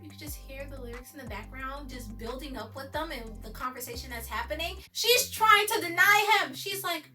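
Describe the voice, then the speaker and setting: A woman with a high, bright voice gushes through a casual episode recap, full of slang and asides to her viewers. She sounds a little away from the mic, with faint music playing underneath. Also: distant mic. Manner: excited, chatty, slangy, addresses viewers as y'all.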